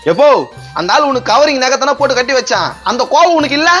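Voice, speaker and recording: Cheeky son, played by a woman, mouthy and fairly high, over music. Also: expressive, quick pace. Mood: indignant. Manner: brash, back-talking. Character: cheeky grown son eager for money. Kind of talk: comedy skit acting. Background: background music.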